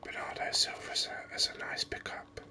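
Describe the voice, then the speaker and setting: Whispering softly and slowly right up against the microphone, a gaming video host thinks aloud about the game in ASMR style.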